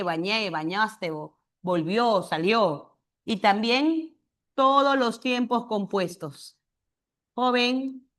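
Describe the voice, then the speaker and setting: A woman teacher giving a grammar lesson, acting out little dialogues and slowing down to stress example words. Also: a little high, fairly bright tone. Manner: acts out imagined student dialogues with quoted examples; checks understanding with tag questions. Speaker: language teacher.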